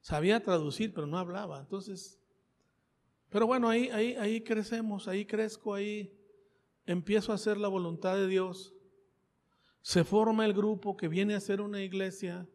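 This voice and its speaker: A man's voice: sits high, fairly even intonation, normal speed, a little mellow. A man with a Mexican accent preaching a sermon with his own testimony, talking conversationally, repeating phrases and asking his listeners questions. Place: church. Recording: reverberant church hall.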